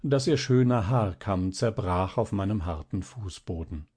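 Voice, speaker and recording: A man reading aloud and voicing a calm, sly old male magician who talks in a measured, gently smiling way. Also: lowish voice.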